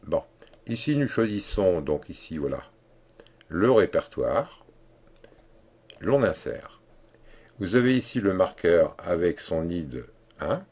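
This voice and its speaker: Slow deep-voiced man explaining software. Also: breathy edge. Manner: slow, halting explanation with many fillers and restarts. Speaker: tutorial instructor. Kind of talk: screen-recorded software tutorial.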